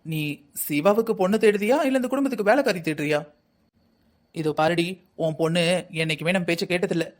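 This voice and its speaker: In this family cartoon comedy, a voice actor plays an older husband who grumbles and nags at his wife with a South Tamil Nadu accent. His scolding, lightly acted delivery sits mid-range and moves briskly.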